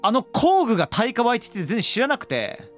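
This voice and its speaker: A man co-hosting a casual podcast, talking fast with a lively, swinging pitch. He sounds playful and enthusiastic, and faint music sits under his voice. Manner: animated, quick, playful enthusiasm. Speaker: podcast co-host. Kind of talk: casual bilingual chat about English.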